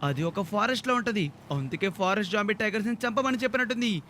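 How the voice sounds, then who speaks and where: A man gives exaggerated, theatrical gameplay commentary to a young audience. His voice sits high and sounds bright and forceful, with faint noise underneath. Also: fast talker. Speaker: gaming video narrator. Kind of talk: playful game commentary for children.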